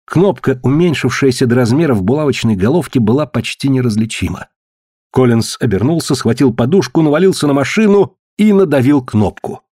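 A man reads a story aloud in a steady, measured narration. His voice sits at a middle pitch. The recording is dry and close, with no room sound. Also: no echo. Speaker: audiobook narrator. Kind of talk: scripted narration.

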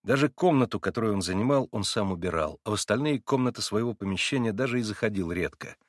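A man's voice: fairly low pitch, expressive, quick pace, dry recording, studio quality. Man narrating an audiobook. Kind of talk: scripted narration of a classic novel.

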